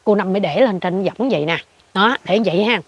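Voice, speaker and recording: Fast-talking husky older Southern Vietnamese woman. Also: mid-range voice, no room sound, highs cut off. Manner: animated storyteller who acts out what she saw. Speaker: interviewee. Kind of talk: ghost story told in conversation.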